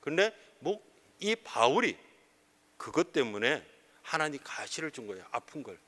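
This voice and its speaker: A middle-aged male pastor preaches with a bright, forceful voice that sits a little high. His delivery swings widely in pitch as he fires off rhetorical questions and answers them himself. The sound carries a long reverb from the church hall. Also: big pitch swings, moderate pace. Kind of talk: sermon. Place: church sanctuary.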